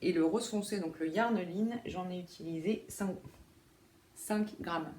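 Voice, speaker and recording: A woman's voice: on the low side, unhurried, a little mellow, slight background noise. Chatty woman in an echoey room. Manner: chatty, many fillers and asides. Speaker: knitting podcast host. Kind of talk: casual chat. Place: room at home by a window.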